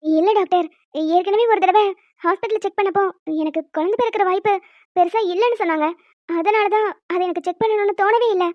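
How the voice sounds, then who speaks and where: A woman's voice: very high voice, a little fast, dry recording. A woman voicing an emotional young wife in a cartoon, earnest and heartfelt, near tears. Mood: tearful. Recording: dull dry sound.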